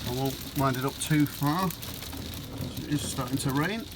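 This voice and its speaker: Inside a motorhome on a rainy day, a British man films a walkaround review on his handheld camera, chatting to viewers he calls folks. As a dealer and reviewer, he talks at a normal speed with a medium-pitched voice, and background noise is audible.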